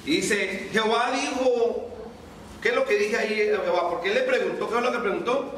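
High-voiced preacher in an echoey hall. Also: male voice, a little fast, a bit bright, a little hiss or hum. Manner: acts out quoted lines, quizzes the congregation. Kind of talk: sermon. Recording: echoey hall, voice far from mic.

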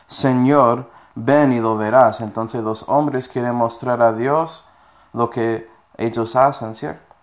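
A man delivers a sermon to a congregation at an ordinary middle pitch. He reads scripture verses aloud, then explains them. He keeps pausing to check that his listeners are following along. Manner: checks in with listeners with frequent tag questions. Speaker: preacher.

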